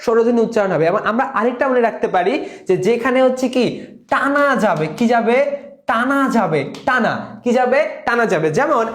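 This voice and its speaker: A man's voice: extremely high pitch, lively intonation, brisk, roomy sound. A man, tutoring for an admission exam, who keeps asking questions and answering them himself while repeating key words. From Bangladesh. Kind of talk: classroom lesson.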